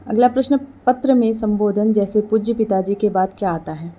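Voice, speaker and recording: Mellow-voiced woman reading quiz answers. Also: medium pitch, normal speed. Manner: steady, formulaic question-and-answer delivery. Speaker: quiz presenter for exam preparation. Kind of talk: reading exam questions and answers.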